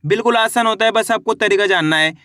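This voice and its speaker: Man, high voice, slow syllable-by-syllable drilling, reading teacher, dry close sound. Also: pushed and bright, no echo. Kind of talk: spelling lesson for beginners.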